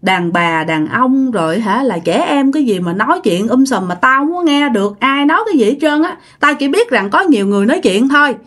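A woman's voice: high-pitched, animated, a little fast, few pauses, pitched above the performer's own voice. A woman voicing a frightened, feverish old great-grandmother with a Southern Vietnamese accent, crying out in repetitive, pleading exclamations. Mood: complaining.

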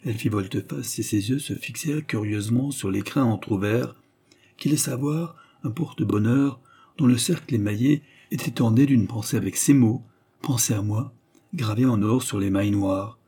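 A man narrating a classic novel as an audiobook in a measured, even manner. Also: mid-range voice, slightly rough. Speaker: audiobook reader.

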